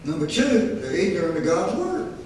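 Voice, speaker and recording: A man's voice: high-pitched, big pitch swings, normal speed, darkish tone, a little hiss or hum. A man preaching a sermon as pastor, in a folksy, emphatic way. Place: church sanctuary. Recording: echoey sanctuary, mic far off.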